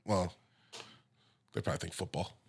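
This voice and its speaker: A young man co-hosting a casual podcast chat, teasing and laughing often, his voice dropping quiet at the ends of lines. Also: low-pitched, fairly even intonation, normal speed, vocal fry, husky. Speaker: podcast co-host.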